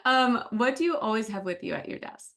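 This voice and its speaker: A woman hosting a casual interview over a video call, upbeat and enthusiastic, quick to praise her guest's answers. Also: a little high, animated, a bit bright. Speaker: host for the company team.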